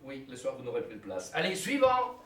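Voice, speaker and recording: A man's voice: mid-range voice, fast, mellow, close to an everyday voice. An officious, impatient clerk played by a man on stage barks curtly and dismissively. He is heard from a distance in a roomy, slightly noisy space. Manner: brusque, barking, dismissive. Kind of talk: stage play performance. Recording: echoey room, distant mic, background noise.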